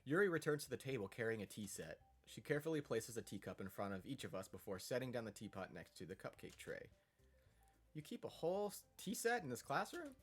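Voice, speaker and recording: A man reading a visual novel's text aloud as a first-time player, stopping to chat. He sounds hesitant and laughs often, his pitch moving in a lively way. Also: fairly quick, slightly rough.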